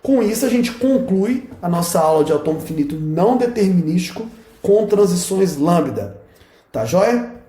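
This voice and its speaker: Lively Brazilian professor, echoey room. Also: male voice, sits high, moderate pace. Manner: lively, joking, points at the board as he explains. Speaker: university professor. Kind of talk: recorded classroom lecture at a whiteboard.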